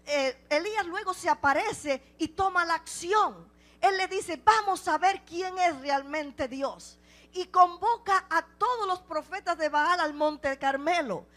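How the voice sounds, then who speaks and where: A woman's extremely high-pitched voice carries a fervent sermon, full of repeated rhetorical questions, as she alternates between quiet, hushed passages and loud outbursts.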